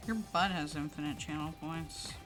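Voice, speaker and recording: A young woman hosting a casual stream, teasing and protesting with quick laughs. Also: deep voice, fairly even intonation, a bit bright. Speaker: streamer host. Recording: faint music in background.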